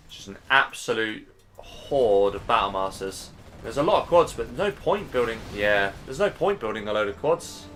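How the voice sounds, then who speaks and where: A man's voice: medium pitch, a bit bright, a little hiss or hum. A man casting a live strategy game match, chatty and casual, thinking aloud and sounding tired. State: tired, yawning. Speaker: game caster.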